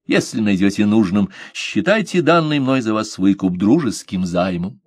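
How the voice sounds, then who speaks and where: A man voicing a courtly pirate captain who speaks calmly, courteously and with gentle irony. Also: fairly low pitch, normal speed, no echo.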